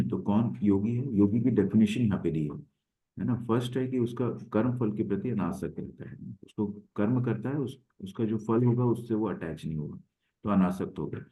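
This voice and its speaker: A man's voice: on the low side, normal speed, dark tone. A man teaching an online scripture lesson, explaining patiently and often checking in with his listeners. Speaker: Bhagavad Gita course teacher. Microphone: online class audio. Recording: phone-like narrow sound.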